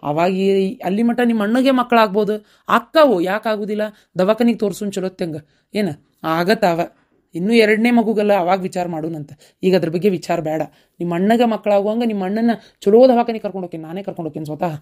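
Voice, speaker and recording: A woman voicing a quick, reassuring villager. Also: mid-range voice, darkish tone, close to an everyday voice. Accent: North Karnataka Kannada. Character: calm family member reassuring the elders. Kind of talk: cartoon dubbing.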